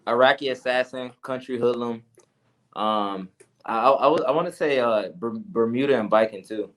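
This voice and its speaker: A man's voice: mid-range voice, moderate pace. A man speaking as an amateur fighter, answering interview questions in a loose, conversational way. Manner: conversational, often adds "you know" and "like".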